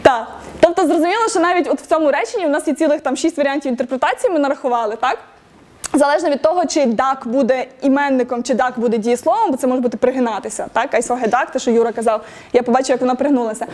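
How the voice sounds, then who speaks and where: A woman's voice: sits high, racing, a little mellow. A woman giving an interactive lecture at a tech meetup, quizzing the audience, laughing often and encouraging answers.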